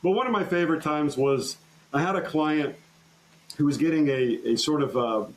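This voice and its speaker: A man, a trial lawyer, telling courtroom stories in an earnest, halting way with frequent restarts in a podcast interview. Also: a little high, low-quality recording. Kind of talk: conversational storytelling interview.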